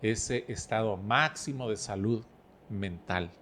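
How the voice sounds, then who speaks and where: Calm man telling stories. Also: fairly low pitch, slight background noise. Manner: storytelling, explains with analogies, calm and measured. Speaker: podcast guest speaker. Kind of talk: relaxed podcast conversation.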